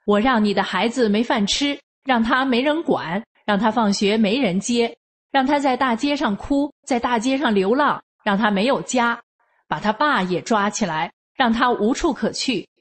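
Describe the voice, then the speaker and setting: A menacing, bullying male cop who curses and barks threats, put on by a woman reading the story. The voice is pitched up and sounds husky. He speaks in a raised, hectoring tone. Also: moderate pace, lightly acted. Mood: threatening.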